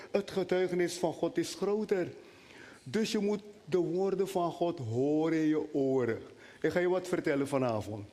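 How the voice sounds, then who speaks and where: A male preacher delivers an animated sermon and keeps turning to speak directly to the people in front of him. His voice sits high for a man. The sound rings with the long reverb of a church hall. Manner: animated, talks directly to the congregation.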